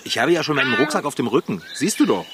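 A man voicing an excitable, soft-hearted bike mechanic in a children's radio play, talking emotionally and quickly crying out. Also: medium pitch, noisy background, close to an everyday voice. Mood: pleading.

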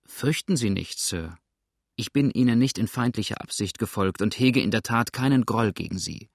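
A man voicing a serious young male boatman who speaks calmly and measuredly, turning cold and suspicious. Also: on the low side, normal speed, breathy edge, dry recording, clean studio sound.

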